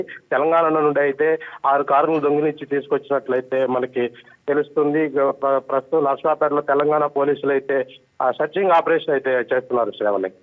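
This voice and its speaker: A male news correspondent giving a live report, halting with frequent filler sounds. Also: a little high. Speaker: special correspondent. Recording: tinny phone line.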